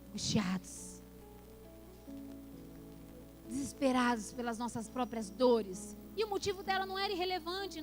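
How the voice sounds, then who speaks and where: A woman pastor preaching a passionate sermon that builds to emphatic peaks in a church. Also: extremely high pitch. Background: worship music.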